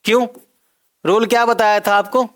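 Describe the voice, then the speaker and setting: A man's voice: high-pitched, level tone, normal speed, fairly bright tone. A man teaching a chemistry lecture, explaining step by step, repeating key terms and quizzing his students. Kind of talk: recorded classroom lecture.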